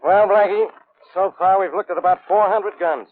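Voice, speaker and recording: An actor playing a stubborn, irritable police inspector in an old radio show, bossy and blustering. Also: male voice, high voice, moderate pace, faint music behind, close to an everyday voice. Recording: tinny, noisy old radio recording.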